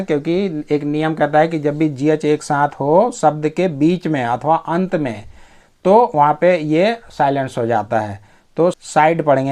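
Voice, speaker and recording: A man teaching English, reading English story phrases slowly with an Indian accent and explaining them. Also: fairly high pitch. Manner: slow, deliberate reading of English phrases, then quick glosses of meanings. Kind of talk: Hindi explanation of an English story, read line by line.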